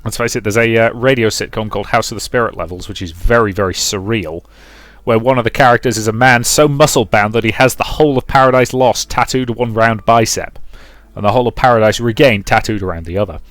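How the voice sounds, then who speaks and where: Talking fast with hardly a pause, a man with a lowish, slightly bright voice hosts a let's play. He moves from casual commentary to reading a visual novel's story, set against game music and a roomy echo.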